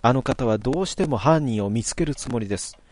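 A man voicing a reserved woman innkeeper who speaks in a formal, hushed, deferential way in a game. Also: medium pitch, lively intonation, fast, close to an everyday voice.

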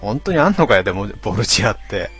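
Low-voiced man grumbling through a stream. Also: big pitch swings, quick pace, a bit bright, faint music behind. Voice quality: frequent throat clearing. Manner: grumbling, talks to himself, mock-annoyed asides. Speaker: livestream host reading listener comments. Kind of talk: casual late-night stream chat.

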